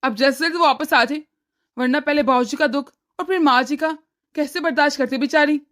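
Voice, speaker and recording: A woman voicing a caring, agreeable young husband in a cartoon story, speaking in a gentle, reassuring way. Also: high voice, fairly quick. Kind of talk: cartoon voice acting.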